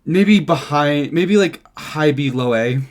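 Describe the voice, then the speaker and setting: A man's voice: on the high side, animated, slow. A man hosting a podcast in casual chat, rambling and hedging with lots of fillers. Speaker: podcast host.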